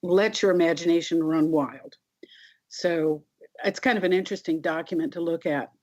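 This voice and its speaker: A woman being interviewed, telling anecdotes casually in a halting way. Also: fairly low pitch, darkish tone. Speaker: interview guest. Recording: dull, lo-fi sound.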